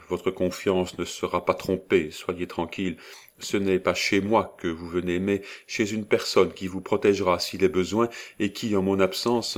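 A man voicing an earnest, resolute young nobleman in an audiobook, speaking in a measured, solemn way. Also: sits low.

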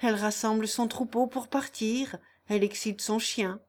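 A woman voicing a calm, grave male country doctor who speaks in a cool, matter-of-fact way. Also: fairly high pitch, normal speed, lightly acted. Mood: explaining.

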